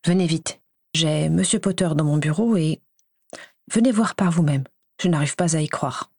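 A woman reading aloud, voicing a stern older female witch teacher with a clipped, urgent delivery and a low, husky voice. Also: normal speed, a little mellow, no room sound, clean studio sound, full character voice.

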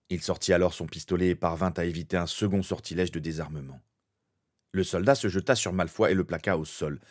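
Deep voiced guy reading fanfic aloud, steady and dramatic. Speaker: narrator. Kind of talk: fan fiction reading.

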